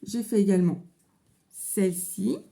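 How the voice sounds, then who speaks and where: A woman's voice: mid-range voice, unhurried, creaky, dark tone. A woman in her thirties with a French accent, chatting casually in a craft tutorial from her home office, with many fillers. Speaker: crafting vlogger.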